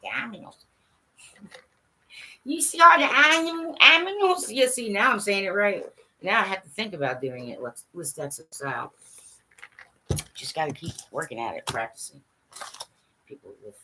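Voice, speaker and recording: Heavy background noise surrounds a woman with a low voice who hosts a livestream. She talks straight to viewers in a blunt, scattered monologue, swearing and laughing, and asks them to agree with her.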